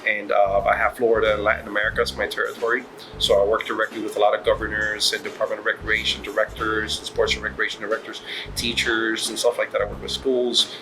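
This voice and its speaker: A man's voice: on the low side, completely flat delivery, fast talker, noisy background. A middle-aged man from Puerto Rico, a restaurant managing partner, answering interview questions in a rambling way with many fillers and restarts. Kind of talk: casual interview. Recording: music playing underneath.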